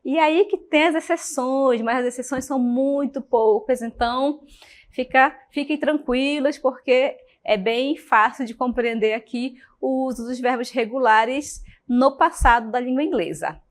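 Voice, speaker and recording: A woman's voice: high-pitched, a little slow. A woman with a Brazilian Portuguese accent teaching an English lesson, patient and checking in often with her students. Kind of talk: recorded class lesson.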